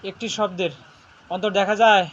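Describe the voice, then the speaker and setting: Male teacher with a high voice, call-and-response classroom drilling, dull lo-fi recording. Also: steady tone, normal speed, a bit bright, a little hiss or hum. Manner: quizzes students constantly, ending lines with "right?". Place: classroom with students.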